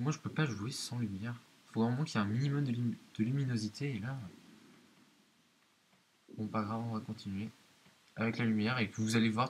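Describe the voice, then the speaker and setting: A man commentates a horror game for his viewers in a mid-pitched voice. He explains things step by step, hesitantly, speaking straight to the audience. A light hiss sits on the home-made recording.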